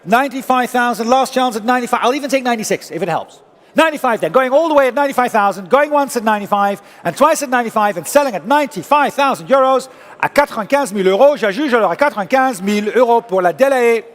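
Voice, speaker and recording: Calling bids in a formal, insistent manner, a male auctioneer repeats figures again and again, his voice very high-pitched, animated and fast. He's indoors in a large auction hall, and the recording carries a long, reverberant hall sound.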